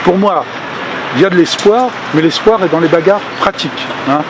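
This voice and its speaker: Speaking off the cuff at a public meeting outdoors, an older activist makes a political speech in a voice slightly high for a man. He pauses a lot, restarts sentences and fills gaps with hesitations, yet remains earnest. Street noise and passing traffic are plainly audible behind him.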